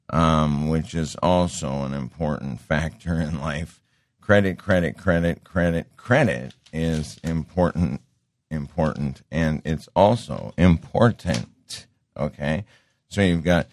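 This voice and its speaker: A deep-voiced, middle-aged man hosts a show, delivering a casual monologue where he rambles, cuts himself off, and often repeats words. The recording is clean studio sound with no room ambience.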